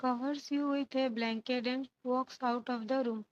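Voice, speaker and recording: A woman narrates a fan-fiction romance in a high voice. Her reading is flat and monotone, with little rise and fall and odd pauses between phrases. The sound is dull and lo-fi.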